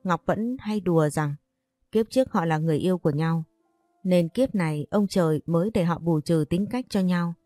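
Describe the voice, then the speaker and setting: A woman narrates an audio story in a steady, even storytelling voice. Her tone is low and mellow, and the recording is close and dry. Faint music plays behind her. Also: moderate pace, dry recording.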